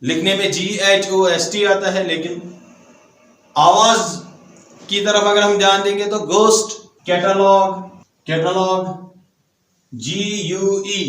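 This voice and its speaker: A man teaching English phonetics, spelling letters aloud and slowly repeating example words. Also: high voice, fairly bright tone. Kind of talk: phonetics lesson. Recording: very echoey room.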